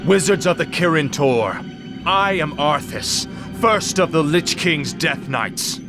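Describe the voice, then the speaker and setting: Man acting Arthas, low-voiced arrogant undead death knight. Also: moderate pace, over music, close to an everyday voice. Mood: commanding. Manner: commanding, menacing. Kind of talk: dramatic video game acting.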